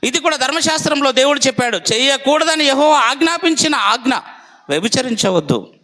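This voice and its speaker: A man's voice: very high voice, expressive, brisk, pushed and bright. A man preaching a sermon, with emphatic, repetitive lists.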